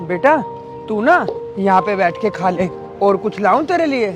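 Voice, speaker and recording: A man's voice: high-pitched, very animated, unhurried, music in the background. A man playing a kind passerby outdoors. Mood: gentle. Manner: reproachful to the mother, gentle to the child. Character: kind passerby man defending a poor girl. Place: outdoors by a parking area.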